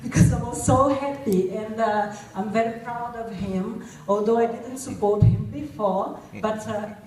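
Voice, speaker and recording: A woman's voice: fairly high pitch, unhurried, darkish tone. A woman giving a chatty, earnest testimonial speech at an event, laughing as she talks. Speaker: event speaker. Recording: echoey hall, distant mic.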